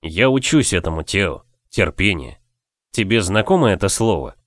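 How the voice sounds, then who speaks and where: Calm teasing lord husband, man reading him, low and soft, dry close mic. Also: moderate pace, dry recording. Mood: tender.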